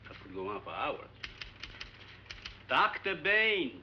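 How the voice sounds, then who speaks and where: This earnest 1950s film performance has an actor as an elderly scientist welcoming guests to his island and explaining matters in a formal way. He talks at normal speed in a medium-pitched, sing-song, fairly everyday voice, and the dull vintage soundtrack carries faint music plus a little hiss or hum.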